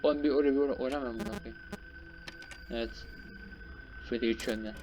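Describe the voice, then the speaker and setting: A young man hosting a gaming channel, giving excited live commentary on a horror game and scolding its characters. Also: medium pitch, quick pace, poor audio. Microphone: desk microphone.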